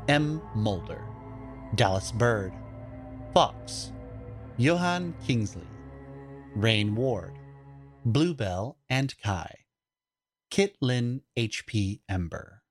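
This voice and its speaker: A man's voice: mid-range voice, expressive, slow, long pauses, soft background music. A man reading scripted end credits as a podcast announcer.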